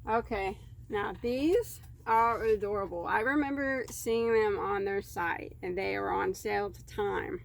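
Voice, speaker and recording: A woman's voice: medium pitch, measured pace, gravelly, slight background noise. A woman crochet vlogger chatting casually as she unboxes yarn, easily delighted and rambling in asides.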